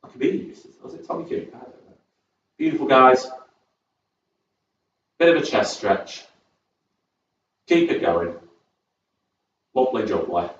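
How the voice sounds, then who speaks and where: A fitness instructor from Southport, originally born in Birmingham, runs a chair-based exercise class in a large, echoey room at a community sports centre. Speaking with a northern English accent in a mid-range, fairly bright and very animated voice, he takes a measured pace, pauses often, rambles cheerfully between cues and counts down every set. The sound is very echoey, distant and dull.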